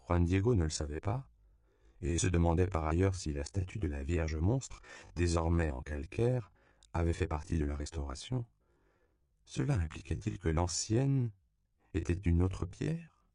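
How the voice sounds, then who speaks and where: A man narrating an audiobook in a measured, even reading. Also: low-pitched, creaky, no echo, studio quality. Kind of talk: scripted narration.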